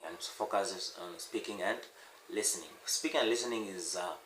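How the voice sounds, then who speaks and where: Speaking to camera in an echoey room with faint background noise, this Swahili-speaking man teaches a casual language lesson. His voice is low and a bit bright. He talks unscripted, with repeated words and frequent "uh" pauses.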